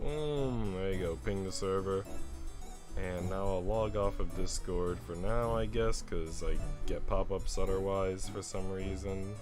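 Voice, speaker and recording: Music runs in the background as a young adult streamer talks loosely and slangily with his viewers. He has a deep, steady voice and keeps a measured pace.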